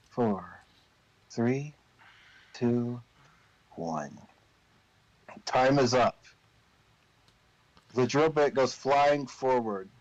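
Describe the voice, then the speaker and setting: A man's voice: mid-range voice, a little mellow, no echo. Man game master, dull dry recording. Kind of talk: improvised tabletop game narration.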